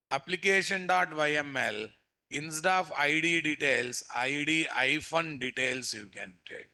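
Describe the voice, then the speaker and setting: A man's voice: fairly high pitch, bright, forceful tone. A man with a Telugu Indian accent teaching a live coding lesson, repeating phrases and prompting students with questions. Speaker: programming instructor.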